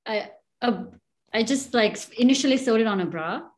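A woman's voice: on the high side, moderate pace. Hesitant, self-deprecating woman in casual chat. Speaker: fashion designer.

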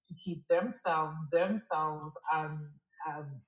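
A woman's voice: sits low, fairly even intonation, slow pace, echoey room, low-quality recording. A woman from Toronto talking earnestly as a podcast guest, emphatic and repeating her points. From Toronto, Canada. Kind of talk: casual interview talk.

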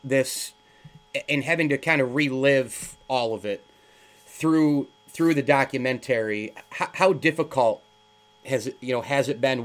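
A man hosting an interview, asking long rambling questions full of fillers. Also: mid-range voice. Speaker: interview host.

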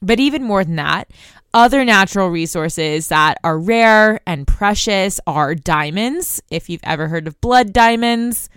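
A young American woman hosts a news podcast, explaining a story conversationally and speaking directly to her listeners. Her mid-range voice is fairly bright and clean, unhurried, with lively intonation. The sound is clean studio audio with no echo.

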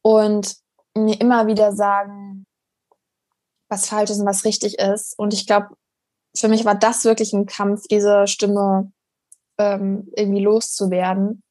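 A young woman speaking as a podcast guest, talking earnestly and reflectively, with frequent pauses and restarts. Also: mid-range voice, monotone, darkish tone, no room sound. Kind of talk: casual interview conversation.

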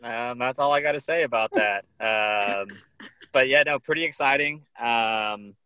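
A man chatting casually as a podcast co-host with deadpan joking. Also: medium pitch, unhurried, slight background noise. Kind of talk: casual chat.

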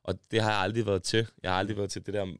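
A man's voice: lowish voice, level tone, fairly bright tone, smooth, no room sound, clean studio sound. A man from Denmark, a podcast guest, talking in slangy casual chat that he tags with "bro" and "ikke?".

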